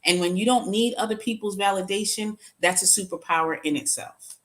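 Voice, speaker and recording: A woman's voice: mid-range voice, a little fast, fairly bright tone. A middle-aged woman speaking as an interview guest, telling personal stories in an earnest, reflective way. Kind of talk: conversational interview.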